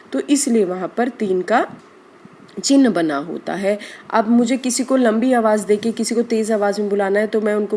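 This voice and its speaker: A woman teaching a grammar lesson, explaining slowly and deliberately and drawing out example sounds. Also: a little high, darkish tone.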